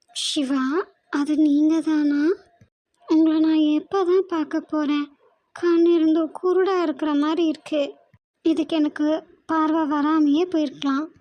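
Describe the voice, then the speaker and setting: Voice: sits high, dark tone, no echo. A woman voicing a tearful, earnest young wife in a cartoon, with a Kongu Tamil accent and a pleading, questioning way of talking. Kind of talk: cartoon voice acting. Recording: dull dry lo-fi recording.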